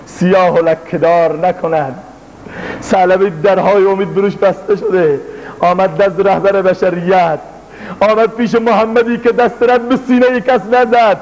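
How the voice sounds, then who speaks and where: A man's voice: high-pitched, darkish tone, big-room sound, rough recording. A male preacher delivering a sermon, telling a story dramatically and acting out the people in it. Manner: storytelling, acting out speakers in the tale; dramatic, chanting prayers and verses.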